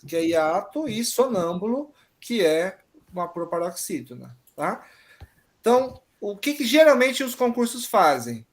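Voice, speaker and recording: A man teaching an online exam-prep grammar lesson, patiently explaining and often checking that students follow. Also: high voice.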